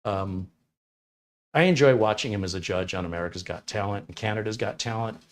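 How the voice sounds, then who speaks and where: A man's voice: fairly low pitch, fairly quick. Middle-aged man, rambling casual storyteller. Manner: rambling storyteller who acts out quotes in voices. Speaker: live stream host reading chat. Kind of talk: casual chat.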